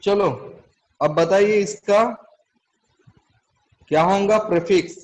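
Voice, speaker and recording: Taking it slowly in a voice that sits high, a man delivers a chemistry lecture to his class, working step by step and frequently quizzing the students. The recording is low quality.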